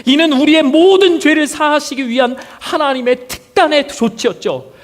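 A male pastor preaching a sermon, telling the story and asking the congregation many rhetorical questions. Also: very high voice. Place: church sanctuary. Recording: long reverb of a church hall.

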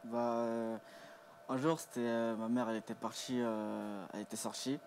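A man from the Paris region recounts a childhood story in a relaxed, halting way, pausing often. His voice sits at a medium pitch. A faint noise is heard behind him. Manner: hesitant, filler-heavy. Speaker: co-host. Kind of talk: casual storytelling.

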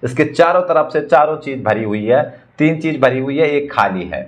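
Guy doing a quick casual magic prop demo, mid-pitched voice, talks each trick through. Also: lively intonation. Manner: brisk, talking props through each trick. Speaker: magician selling magic props. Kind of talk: casual product demonstration.

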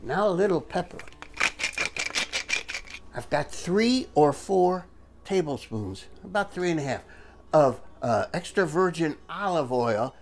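A man's voice: fairly high pitch, lively intonation, measured pace, long pauses, soft background music. An older man hosting a casual home cooking video, chatty and enthusiastic, talking from his kitchen.

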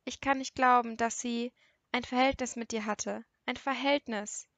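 A woman's voice: on the high side, steady tone, moderate pace, fairly bright tone, no room sound. A woman reading the lines of a distraught middle-aged father, voice broken and tearful as he pleads.

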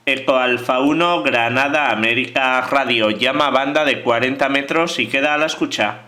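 Speaking at a normal speed, a male ham radio operator relays phonetic call signs and contact details in a bright, forward voice of middle pitch.

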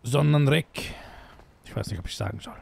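A man's voice: on the high side, normal speed, gravelly. A young man playing a joking roleplay character in a video game, tossing Spanish words into his talk.

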